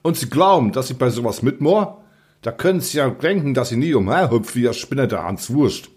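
A man voicing a grumbling Bavarian postal clerk, blunt and cross, with a husky voice. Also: medium pitch, sing-song, normal speed. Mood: grumpy. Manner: blunt, grumbling dialect speech.

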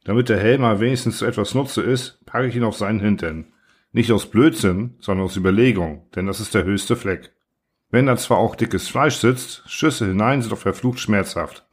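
A male audiobook narrator with a fairly low voice reads a story in a measured, somber way. His pacing is even and deliberate. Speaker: audiobook reader. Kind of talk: scripted literary narration.

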